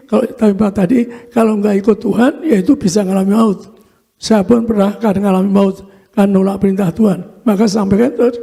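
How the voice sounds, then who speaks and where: An older man, a pastor, giving a fervent sermon testimony in short halting phrases with a frequent "so". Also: sits high, gravelly, dark tone, husky.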